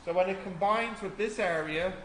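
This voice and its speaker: High voiced guy tutoring maths, walks through each step, echoey classroom with a bit of hiss. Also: normal speed, fairly bright tone. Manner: explains step by step, asks the class questions. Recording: echoey classroom with faint noise.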